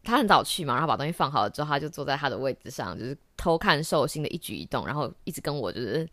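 Low-voiced woman telling a story. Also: very fast, no echo. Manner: animated, laughs often, slips into English. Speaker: podcast host. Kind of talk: casual storytelling monologue. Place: office during lunch break.

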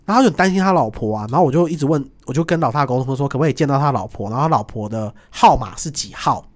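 Fast-talking man telling animated stories. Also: medium pitch. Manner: animated, quick, acts out voices in his stories. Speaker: guest. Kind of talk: storytelling in casual chat.

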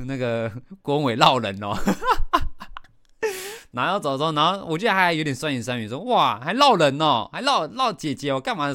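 A middle-aged man with a Taiwanese Mandarin accent hosts a podcast, telling a story in an animated way with lots of fillers and laughs. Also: medium pitch, no echo, studio quality. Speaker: podcast host. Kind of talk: casual storytelling.

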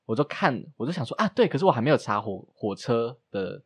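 A man's voice: fast, husky. A man co-hosting a casual podcast, telling a story and acting out his own thoughts in a raised voice. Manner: animated, acts out his own past thoughts in a high voice. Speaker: podcast co-host.

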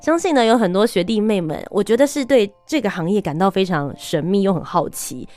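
A woman's voice: medium pitch, expressive, brisk, darkish tone, soft background music. A woman hosting a show and interviewing a guest in a presenter's style. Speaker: host.

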